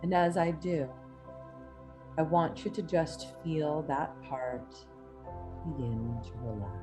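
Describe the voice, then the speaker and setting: A woman hypnosis instructor guiding a relaxation induction, speaking in an unhurried, lulling way with long pauses. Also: low voice, fairly even intonation. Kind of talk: slow, soothing guided relaxation induction. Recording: music playing behind the voice. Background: soft New-age music.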